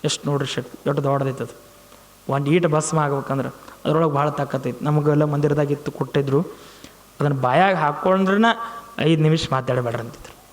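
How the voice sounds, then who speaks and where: A man's voice: a little high, steady tone, a little fast, in a large hall. A man preaching a devotional sermon. He tells a story and acts out the pleas of villagers and the replies of a saint.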